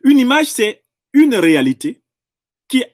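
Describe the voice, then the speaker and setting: In a sing-song, measured delivery, a male political commentator presses his case in an impassioned, professorial monologue full of repeated and reworded phrases. His pitch sits high and moves across a wide range. The sound is dry and close-miked, with no echo or room tone.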